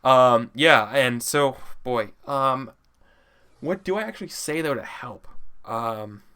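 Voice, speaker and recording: Casting: male game player, crisp forward voice, tentative, improvising casually out loud. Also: mid-range voice, slow pace. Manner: tentative, thinking aloud.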